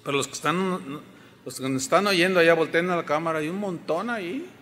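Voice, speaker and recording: A pastor's voice, on the high side, brisk and a bit bright, rings through a church sanctuary with the long reverb of a large hall. He preaches emphatically, frequently questioning his congregation.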